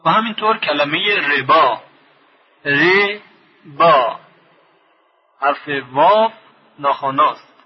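Guy teaching quran reading on old radio, husky kinda high voice, drags out each word. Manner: stretches and repeats example words slowly. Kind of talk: slow didactic lesson with drawn-out repeated words. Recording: dull lo-fi radio broadcast.

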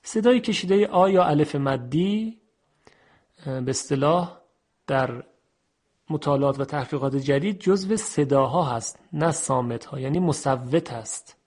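A man teaching a radio lesson on Quran recitation, explaining in a measured, formal way and reciting Arabic phrases. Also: a little high, darkish tone.

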